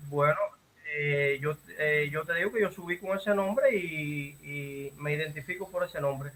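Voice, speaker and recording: A man's voice: fairly high pitch, a little slow, a bit bright, a little hiss or hum. A Cuban man with a Cuban Spanish accent calling in to a live stream, arguing hesitantly with many fillers and rambling. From Cuba. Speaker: caller. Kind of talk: live stream call-in argument.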